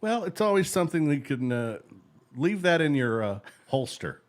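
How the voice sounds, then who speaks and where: A man's voice: on the high side, sing-song, moderate pace. A man co-hosting a casual comedy podcast, playful and joking, often trailing off into fillers. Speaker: co-host.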